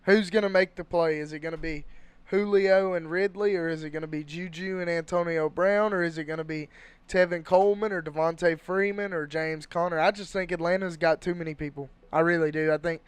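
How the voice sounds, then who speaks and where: A man co-hosting a casual sports podcast, excitable and rambling as he makes his picks. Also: on the high side, clean tone, dry recording. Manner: excitable, rambling, fast bursts. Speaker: podcast co-host.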